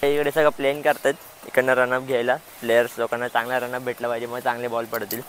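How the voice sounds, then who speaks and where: Young Marathi-accented male vlogger, chatty and laughing, phone video with steady outdoor noise. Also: mid-range voice, quick pace, rough recording. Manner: chatty, laughs often, gets louder and excited when riding with his friend. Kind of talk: casual vlog chat. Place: outdoors, streets and cricket ground. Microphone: mounted camera while riding, handheld.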